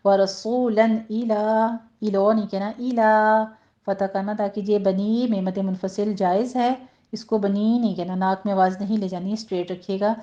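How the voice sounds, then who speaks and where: A woman recitation teacher talks through pronunciation rules step by step, pausing to model words slowly and clearly. Her voice is mellow and warm, and the recording is slightly dull and lo-fi. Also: medium pitch, steady tone. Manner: patient, instructive, slows right down to model each word. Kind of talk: tajweed lesson with slow recitation.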